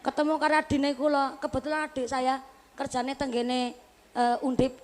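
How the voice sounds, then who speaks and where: A Javanese-accented Islamic preacher in her late twenties addresses a live audience in a light, chatty style, slipping in jokes and speaking directly to the crowd. Her voice sits high with little pitch movement, a normal pace and a slightly mellow tone.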